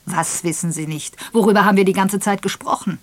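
A woman voicing a gruff, impatient, wealthy old invalid man who talks loudly and quickly in an audiobook. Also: mid-range voice, no room sound, natural voice. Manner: brusque, loud and quick.

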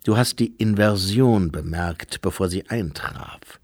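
A gruff old sweeper monk, as a man puts him on, murmuring low and close. He slips into a hushed half-whisper and takes his time. The sound is dry, as in a storybook reading. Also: measured pace, no room sound.

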